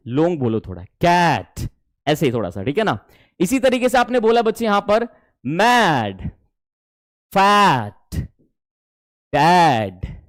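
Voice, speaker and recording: A man teaching spoken English in a live online class, coaxing his students and praising their answers, with an Indian accent in his English. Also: sits high. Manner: animated, coaxing, calls students "dear children".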